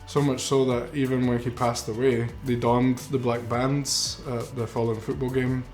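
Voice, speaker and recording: This young filmmaker, a man in his twenties raised in Mexico, tells his grandfather's story as documentary narration with an earnest, reflective manner and occasional fillers. His voice sits in the mid-range with little pitch movement, a normal speed, and a slightly mellow color. The room sounds spacious, with music playing beneath him.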